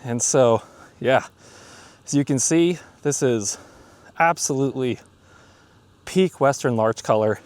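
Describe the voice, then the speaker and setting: A landscape photographer narrates an outdoor vlog in a mountain forest as he shoots, sounding casual and enthusiastic though out of breath. His mid-range voice is slow, clear, resonant and slightly mellow, with long pauses, picked up by a camera mic.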